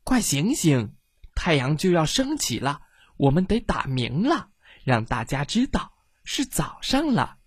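A woman voicing a proud but kindly rooster in a storybook, speaking firmly and loudly. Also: deep voice, very animated, measured pace, breathy edge, no echo, studio quality, heavily acted.

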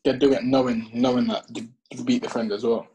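A man's voice: medium pitch, little pitch movement, brisk, warm tone, a little hiss or hum, low-quality recording. A young man with a London roadman accent in casual chat, slangy and repeating phrases for emphasis. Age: young adult.

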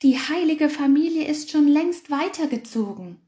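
A woman's voice: sits high, animated, moderate pace, warm tone, reverberant, pitched above the performer's own voice. Woman playing a rueful old ox. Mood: regretful. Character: regretful old ox in a stable.

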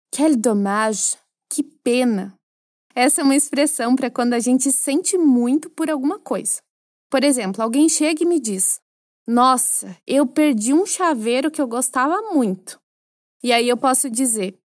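High-voiced Brazilian woman teaching French. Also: dry recording, studio quality. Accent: Brazilian Portuguese. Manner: clear, didactic, asks the listener to repeat. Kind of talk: language lesson, explaining and drilling phrases.

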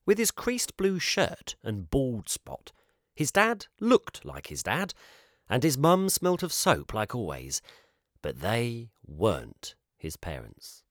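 Expressive, slow storybook narrator. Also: male voice, medium pitch, dry recording, studio quality. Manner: expressive and measured.

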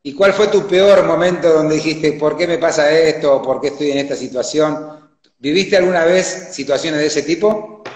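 A man's voice: a little high, normal speed. A man hosting a casual interview, chatty and encouraging. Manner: chatty, encouraging, laughs easily. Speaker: interviewer, host. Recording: echoey room with long reverb.

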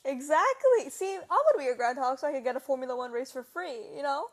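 High-voiced chatty young woman. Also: animated, fast, crowd noise. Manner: chatty, laughs often, lots of "like". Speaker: podcast host. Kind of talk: casual chat.

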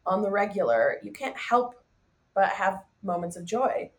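A woman's voice: mid-range voice, sing-song, measured pace. A woman from the US west coast, a life coach guest, talking animatedly and laughing easily in a casual interview. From west coast of the United States.

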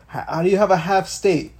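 A young man with a fairly high yet dark, mellow voice talks politics on a podcast. He rants casually and swears freely, often restarting his sentences as he thinks aloud. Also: slightly rough. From Miami, Florida. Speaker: podcast co-host.

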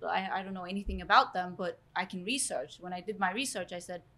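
A woman's voice: on the low side, fast talker, sharp tone. A woman from Turkey, a real estate agent, earnestly recounting a story as a podcast guest. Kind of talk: casual podcast interview.

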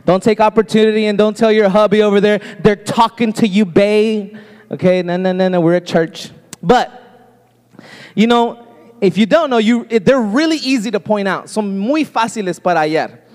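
A man pastor preaching a sermon in a church, lively and joking with the congregation. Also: sits high, moderate pace, big-room sound. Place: church sanctuary.

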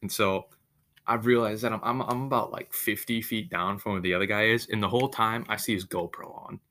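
A young man hosting a podcast on his own, telling a story in a monotone, casual way with faint guitar music behind. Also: fairly low pitch, fairly quick, slight background noise. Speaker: podcast host.

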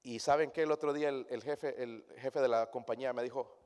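A male preacher giving a sermon to his congregation, shifting from hushed, intimate tones to loud, emphatic preaching. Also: medium pitch, fairly even intonation, a little fast. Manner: addresses the congregation directly as brothers and sisters. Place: church. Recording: long reverb of a church hall.

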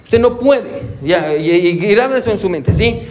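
A pastor preaching a sermon with lively delivery, peppering his points with "amén" and acting out little conversations. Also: sits high, normal speed, a little hiss or hum. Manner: animated preaching, punctuated with frequent "amén"; acts out little dialogues with congregants and his wife.

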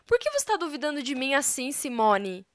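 A woman's voice: high voice, sing-song, a little fast, no echo. A woman playing a trembling, stammering architect. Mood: distraught. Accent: Brazilian Portuguese. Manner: tearful, trembling, stammering pleas. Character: distraught Brazilian architect woman, lying, shaken.

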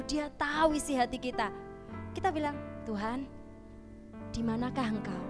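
A woman preaching a sermon, rising to loud emphatic appeals and dropping to hushed, intimate asides. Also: high voice.

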